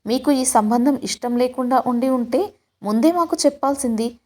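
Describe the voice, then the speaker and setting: A woman voicing a stern elderly grandmother in a storybook, speaking with measured reproach. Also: sits high, darkish tone. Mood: reproachful.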